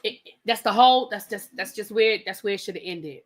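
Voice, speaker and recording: A woman with a mid-range voice speaks fairly quickly as she hosts a live TV recap. A reviewer of TV shows, she tells the story in a casual, conversational way, acts out the quotes, and swears a bit.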